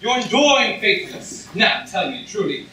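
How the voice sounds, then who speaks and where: A man's voice: sits high, very animated, moderate pace, sharp tone, heavily acted. A young man playing a mocking, menacing pirate captain with sardonic, theatrical delivery in a staged reading. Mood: taunting. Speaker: actor in a student staged reading. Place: lecture hall stage, indoors. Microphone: far camera in audience. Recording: echoey hall, distant audience-camera mic, noisy.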